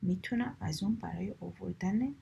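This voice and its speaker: A woman's voice: mid-range voice, gravelly, dark tone, highs cut off, a little hiss or hum. A woman voicing a cheeky, smug female deer in a children's story. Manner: smug, teasing.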